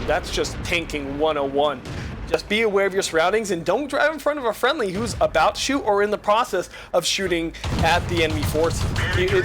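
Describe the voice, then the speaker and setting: A man giving casual game commentary in a rambling, self-correcting way, recorded on the go through a headset with poor audio quality. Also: a little high. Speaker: gameplay commentator. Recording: lo-fi headset audio over music.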